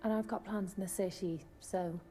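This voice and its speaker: An actress playing a calm young girlfriend who speaks softly and reassuringly. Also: medium pitch, moderate pace, breathy edge, close to an everyday voice. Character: young woman, new girlfriend, calm and composed.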